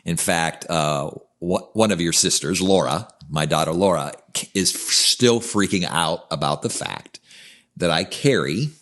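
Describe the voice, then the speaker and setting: A man in his fifties, a coach by profession, co-hosts a podcast in a low, slightly bright voice, speaking a little slowly. His casual conversation has an earnest, reflective tone.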